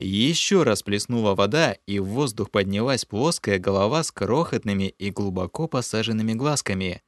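A man narrating an audiobook in the first person, with steady storytelling. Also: lowish voice, normal speed, no echo, clean studio sound.

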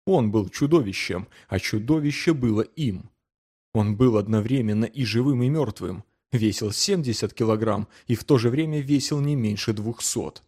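A man reading a novel aloud as an audiobook narrator, with measured, steady storytelling. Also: medium pitch, husky. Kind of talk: scripted literary narration.

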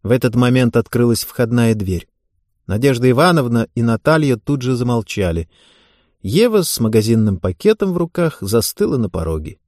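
A man narrating an audiobook in an expressive storytelling manner. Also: medium pitch, normal speed, dry recording, studio quality.

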